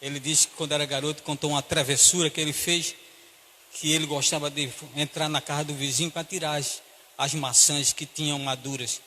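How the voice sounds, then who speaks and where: A man with a Brazilian Portuguese accent preaching a sermon and telling a story, acting out the voices and swinging between hushed and loud delivery. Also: fairly high pitch, flat delivery, brisk, slight background noise. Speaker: pastor. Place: church hall. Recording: church hall with long reverb.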